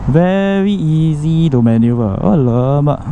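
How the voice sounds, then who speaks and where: A man's voice: a little high, lively intonation, measured pace. A Singaporean man chatting casually as a motovlogger, rambling colloquially with local particles and exclamations, his voice muffled inside a helmet. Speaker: motorcycle vlogger. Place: outdoors, riding a motorcycle inside a helmet. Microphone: microphone inside a motorcycle helmet. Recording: muffled helmet mic, road and engine noise. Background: traffic and vehicle noise.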